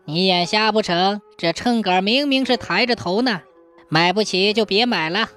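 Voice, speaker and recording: A man's voice: sits high, normal speed, a bit bright, soft background music. Woman doing a smug cheating merchant. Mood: rude. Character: rude cheating salt merchant.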